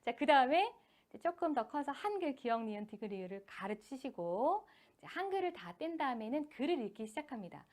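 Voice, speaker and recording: A woman gives a lecture to parents in a high, bright voice. Her pitch leaps up and down with great animation as she speaks politely to them. When she reads example sentences aloud, she slows down and splits them into short, clearly spaced phrases. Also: very animated. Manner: addresses parents politely, acts out parent and child quotes. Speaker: education team leader giving a lecture to parents. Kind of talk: lecture to parents on children's reading.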